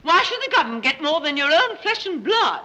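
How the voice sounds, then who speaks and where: A woman's voice: high voice, sing-song, a little fast, pushed and bright, exaggerated voice. An actress playing a scatterbrained, fussing middle-aged society mother in 1930s screwball comedy banter, flighty and chattering. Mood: airy chatter. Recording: noisy 1930s film soundtrack.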